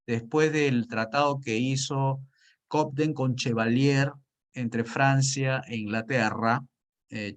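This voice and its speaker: A man teaching an economics class, asking himself questions and answering them, with frequent hesitations and restarts. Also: mid-range voice. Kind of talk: spoken lecture.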